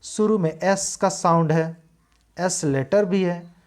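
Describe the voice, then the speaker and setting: A man teaching a lesson from slides, explaining carefully, repeating key words and reading English lines slowly with heavy stress. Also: high voice, a little mellow.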